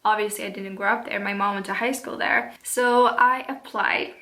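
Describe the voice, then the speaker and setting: In her twenties, a Swedish vlogger chats to the camera in English from her home, nervous and giggly, with lots of fillers and restarts. Her mid-range voice holds a steady tone at a normal speed and sounds pushed and bright.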